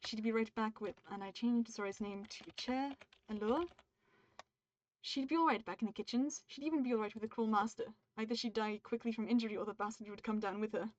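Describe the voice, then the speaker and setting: With a fairly high but darkish voice, a British woman reads her draft live, pausing mid-sentence to edit and to chat warmly and brightly with her viewers. The recording has no room sound and comes through a dull, muffled mic.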